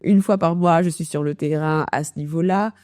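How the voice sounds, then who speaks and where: Female podcast host, informal talk, soft dark tone, slightly low, robotic artifact on the voice. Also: fairly even intonation, normal speed, no echo, studio quality. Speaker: podcast host, productivity coach.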